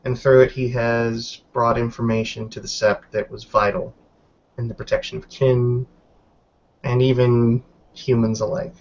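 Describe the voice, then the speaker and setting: In a dull lo-fi recording, a man with a medium-pitched, level, slightly slow and mellow voice, close to how he'd normally talk, roleplays a tabletop game character. He plays a guarded female werewolf newcomer, picking formal words with careful hesitations in a guarded, evasive mood.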